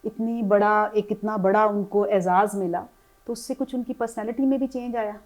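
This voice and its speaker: A woman interviewer asking gentle, drawn-out questions and mixing English words into her speech. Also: mid-range voice, steady tone.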